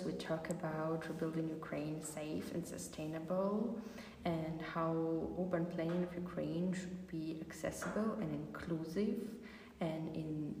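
A woman guest on an interview podcast, explaining her group's work in a steady, measured way. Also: low-pitched, gravelly. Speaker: guest, youth ambassador. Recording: distant mic in echoey hall, faint noise.

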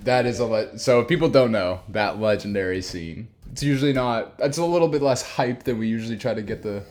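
A man's voice: mid-range voice, a little fast, darkish tone. A man hosting a casual podcast, rambling through his thoughts with frequent restarts and fillers. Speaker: podcast host.

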